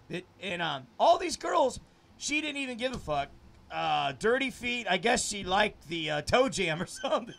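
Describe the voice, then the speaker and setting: A man's voice: high voice, creaky, bright, forceful tone. A man who produces adult films, chatting in an interview in a rambling, crude way and laughing often. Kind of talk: casual interview chat.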